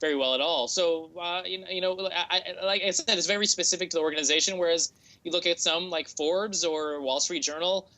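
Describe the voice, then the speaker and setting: Bright-voiced American man, halting interview answers. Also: on the high side, rough recording. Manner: hesitant, halting, repeats words while thinking. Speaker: interview guest, tech entrepreneur.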